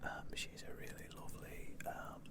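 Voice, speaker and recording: Casting: ASMR host from the UK, fully whispered Q&A delivery, breathy, chatty and playfully self-mocking. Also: moderate pace. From United Kingdom. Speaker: ASMR creator answering viewer questions.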